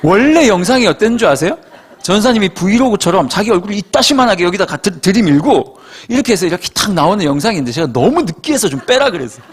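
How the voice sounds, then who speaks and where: A male pastor preaching to young adults, telling stories in an animated way and acting out quotes. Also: high voice, fast talker. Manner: animated storytelling, acts out quotes. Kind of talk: sermon to a young adult congregation.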